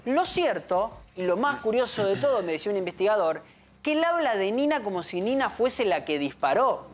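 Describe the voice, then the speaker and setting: A woman's voice: medium pitch, big pitch swings, brisk. A woman with an Argentine accent, a crime reporter on a news panel, explaining the case point by point with emphasis. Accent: Argentine Spanish. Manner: explanatory, emphatic, often says "exactamente". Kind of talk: live news panel commentary.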